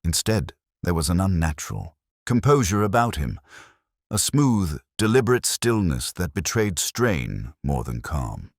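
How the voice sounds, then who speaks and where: A man narrating a detective mystery story in a calm, measured storytelling manner. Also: sits low, creaky, no room sound, studio quality. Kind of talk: scripted audiobook narration.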